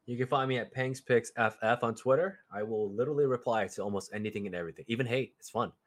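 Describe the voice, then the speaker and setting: A man's voice: medium pitch, fast talker. A man who is a guest on a podcast, talking in a rambling, stammering way with laughing asides. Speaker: podcast guest, fantasy football writer. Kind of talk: casual podcast chat.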